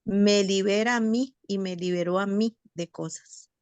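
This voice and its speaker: A bereaved mother sharing her story over a video call in a support session, reflective and halting with many fillers. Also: medium pitch, steady tone, a little mellow, smooth, no echo. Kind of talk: personal testimony. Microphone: video call, camera off.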